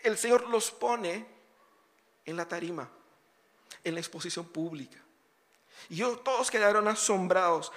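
A man's voice: sits high, fairly bright tone. A man pastor preaching a sermon in a conversational way, full of rhetorical questions and casual asides. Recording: long hall reverb.

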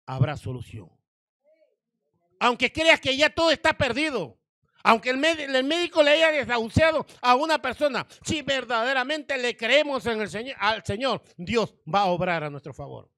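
Animated male pastor preaching. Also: very high voice, no echo, studio quality. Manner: animated, asks the congregation rhetorical questions. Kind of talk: sermon reading and explaining scripture.

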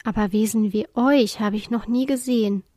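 A woman reading the part of a lonely, gentle female ship spirit who sighs as she tells her story, in a storybook reading. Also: fairly high pitch, fairly even intonation, moderate pace, dry recording, studio quality, lightly acted. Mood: wistful.

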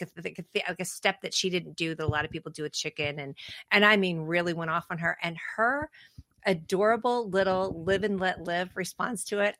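Chatty gravel-toned woman podcast host. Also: lowish voice, fairly bright tone, dry recording, studio quality. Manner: chatty, laughs often, playful. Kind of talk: casual chat.

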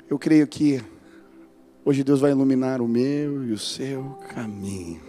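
A man with a Brazilian Portuguese accent preaching a sermon as a pastor, moving between hushed, intimate passages and loud, fervent climaxes. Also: medium pitch.

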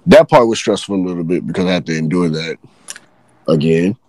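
A man from Texas, telling a work story in loose, profane, animated casual chat. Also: deep voice, a little fast, no room sound.

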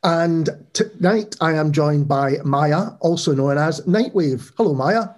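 A man's voice: on the high side, unhurried. A man hosting a podcast, interviewing a guest in a friendly, enthusiastic way. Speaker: podcast host.

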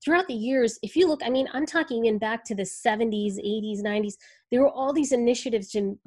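A woman speaking as an interview guest, earnest and reflective, talking in halting bursts as she thinks things through. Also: fairly high pitch, a little mellow, slightly rough. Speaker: guest speaking about the ad industry. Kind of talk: candid interview conversation.

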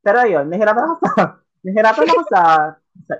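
A woman of middling pitch chatting casually as a podcast co-host. She talks haltingly, often restarting her sentences, and mixes Filipino with English. The recording sounds a little dull. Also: very animated, slightly rough. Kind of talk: casual chat.

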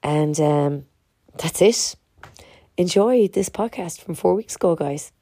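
A woman's voice: lowish voice, lively intonation, slow pace, dark tone, breathy edge. A middle-aged Irish woman with a stuffy, congested nose, talking candidly and emphatically in a chatty motivational podcast monologue to her listeners. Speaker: podcast host, fitness community organiser.

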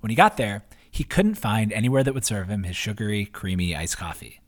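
A man's voice: on the low side, sing-song, a little fast. A man narrating his own written post aloud in an upbeat, conversational reading voice, adding casual asides. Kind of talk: read-aloud essay narration.

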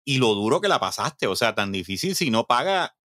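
A man's voice: mid-range voice, sing-song, brisk, sharp tone, no room sound, studio quality. A man hosting a casual interview, reacting with short sympathetic comments. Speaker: host.

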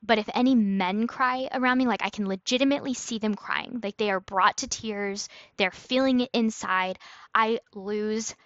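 A woman's voice: medium pitch, moderate pace, fairly bright tone, no echo, dull audio. A woman hosting her own podcast, talking casually in a rambling, chatty way and laughing often. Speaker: podcast host. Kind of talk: casual solo podcast monologue.

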